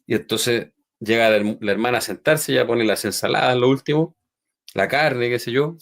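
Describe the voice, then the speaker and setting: A man hosting a faith podcast, retelling a story in an animated way and checking in with his listeners. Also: medium pitch, normal speed, gravelly. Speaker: podcast host.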